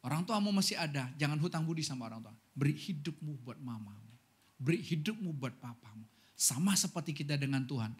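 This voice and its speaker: A man pastor giving a Sunday sermon, telling stories with animated energy and often turning to address the congregation. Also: on the high side, brisk, breathy edge.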